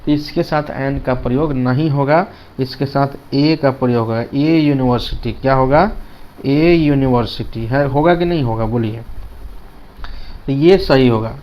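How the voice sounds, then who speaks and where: A man's voice: medium pitch, unhurried, dull audio. A man teaching a grammar lesson in Hindi with English terms, repeating key words and asking students rhetorical questions.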